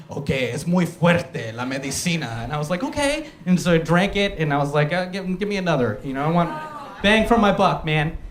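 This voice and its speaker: A man's voice: sits high, reverberant. A man performing a stand-up comedy set, telling stories animatedly and acting out other people's voices. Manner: animated storytelling with acted-out voices. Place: comedy showcase room with live audience.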